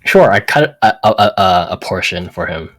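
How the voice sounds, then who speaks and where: A man playing in a tabletop game, talking casually and rambling with lots of fillers, with a husky voice. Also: low-pitched, lively intonation, normal speed, a bit bright. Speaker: player.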